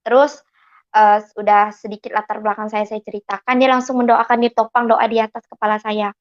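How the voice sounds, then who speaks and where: A woman tells her conversion testimony in a fairly high voice. She is an animated storyteller who acts out bits of remembered dialogue. The recording sounds dull and lo-fi. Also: brisk. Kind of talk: personal testimony.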